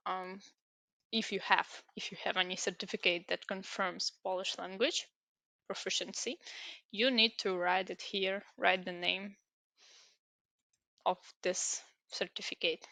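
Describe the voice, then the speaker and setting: A young tutorial presenter whose first language is Ukrainian walks through an online application in a screen recording, step by step and full of hesitations and fillers. She has a creaky, bright mid-range voice with a forceful tone, recorded dry.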